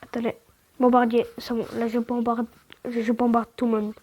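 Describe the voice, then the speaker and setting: Une joueuse au timbre assez haut fait un commentaire de jeu décontracté. Elle trébuche sur ses mots et les répète, puis s'exclame avec vivacité. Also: female voice, fairly high pitch, normal speed. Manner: stammers, restarts words; excitable outbursts, slangy. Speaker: gaming channel host. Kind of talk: casual gameplay commentary.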